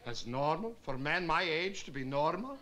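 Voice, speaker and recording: Hammy elderly uncle, broken English, pleading and stubborn, vintage sitcom, noisy audio. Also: male voice, a little high, sing-song, normal speed. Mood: self-pitying. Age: older. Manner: broken English with dropped articles, pleading and theatrical. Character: hammy, self-pitying, insistent old immigrant uncle. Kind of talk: 1950s television sitcom acting. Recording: noisy old television soundtrack.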